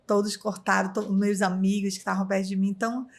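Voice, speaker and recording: A woman's voice: mid-range voice, little pitch movement, fast. A middle-aged woman from Brazil, a podcast guest, earnestly telling a personal story with many fillers.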